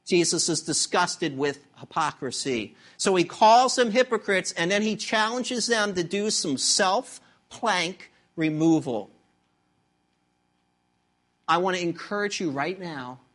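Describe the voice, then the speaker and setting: Animated middle-aged male pastor preaching. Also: sits high, slow. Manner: animated storytelling with acted-out voices and humor. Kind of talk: sermon.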